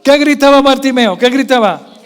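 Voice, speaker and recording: A male pastor preaching a sermon, quizzing the congregation with constant questions and swinging from soft asides to loud raised passages. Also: extremely high pitch, normal speed, in a large hall. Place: church.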